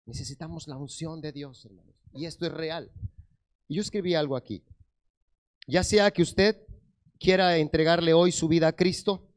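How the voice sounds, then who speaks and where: A middle-aged male pastor giving a sermon testimony, telling his story in a lively way that swings from loud bursts to hushed tones. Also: on the high side, normal speed, pauses often.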